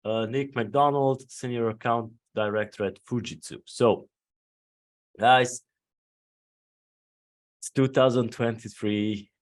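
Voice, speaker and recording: A man's voice: mid-range voice, fairly even intonation, takes it slowly, long pauses. A man moderating a virtual panel discussion, chatty and full of fillers.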